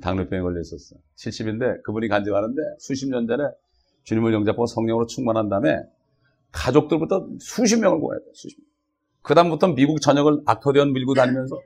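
A man delivering a sermon in a loose, conversational way. His voice is husky. He keeps turning to the congregation with short questions as he preaches. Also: mid-range voice, a little mellow. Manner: conversational preaching with frequent "어?" and "예?" checks. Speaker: pastor.

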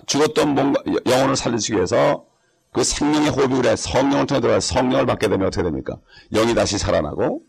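A man's voice: mid-range voice, gravelly, breathy edge. A male pastor preaching a sermon, emphatic and rhetorical, often calling on the congregation for assent. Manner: emphatic, rhetorical, frequent interjections asking for assent.

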